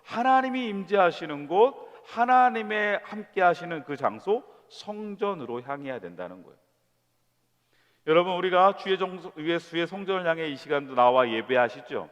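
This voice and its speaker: A man preaching a sermon to young adults, conversational and lively, with rhetorical questions and quoted voices. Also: high-pitched, normal speed, dull audio. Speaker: pastor. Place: church sanctuary. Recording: long church hall reverb.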